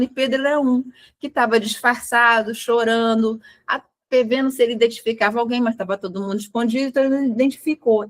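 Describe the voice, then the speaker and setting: Earnest woman retelling scripture. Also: a little high. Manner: earnest storytelling, voicing quotes with restarts. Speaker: study group speaker. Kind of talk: spiritual study talk, retelling scripture.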